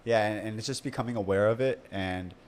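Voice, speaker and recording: A man hosting a podcast, his voice a little low in pitch, with faint noise behind him. He talks casually and chats with clear enthusiasm. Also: a little fast. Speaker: podcast host. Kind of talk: casual conversational interview.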